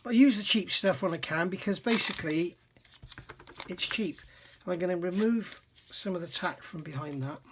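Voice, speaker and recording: A man's voice: high-pitched, moderate pace, noisy background. A man hosting a scale model building channel, talking casually at his workbench in a rambling, self-deprecating way, his throat dry and catching now and then. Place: home hobby workbench.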